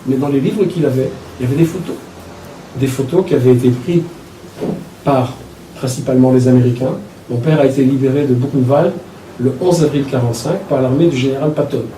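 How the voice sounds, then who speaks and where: A man in his sixties from Belgium, an author recounting his childhood in a reflective, halting way. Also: mid-range voice, dark tone, slight background noise. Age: 60s. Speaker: author talking about his book. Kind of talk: personal storytelling talk. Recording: echoey room from a distance.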